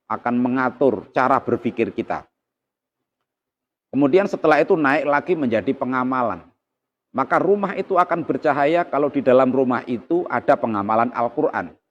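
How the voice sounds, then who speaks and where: Calm, measured man teaching. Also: medium pitch. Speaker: Quran teacher. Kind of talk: Quran exegesis lesson. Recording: slightly dull lo-fi recording.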